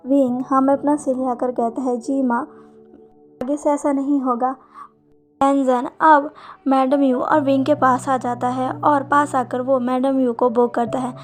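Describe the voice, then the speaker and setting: A woman's voice: sits high, level tone, moderate pace, soft background music. A woman narrating and explaining a fanfiction story in a chatty storytelling manner.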